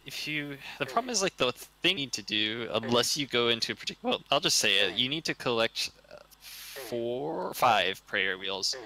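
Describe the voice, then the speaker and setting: A man's voice: mid-range voice, pushed and bright, poor audio. A man giving casual speedrun commentary, chatty and rambling, with lots of fillers and easy laughs.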